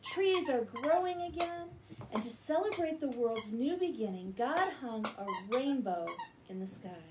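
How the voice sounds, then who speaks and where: A middle-aged American woman reads Bible stories to children and talks with them in a bedtime-story manner, her voice high, animated, and unhurried. She's recorded indoors in her living room on a device set a short way off, with a noisy background.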